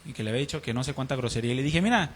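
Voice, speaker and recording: A man's voice: mid-range voice, fairly even intonation, racing. A man preaching a sermon, earnestly telling a personal testimony and acting out the dialogue in it. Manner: earnest, acts out dialogue in his story.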